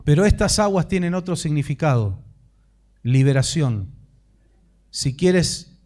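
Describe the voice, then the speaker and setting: A man's voice: mid-range voice, mellow. A man preaching a sermon as pastor, impassioned and rising into fervent prayer.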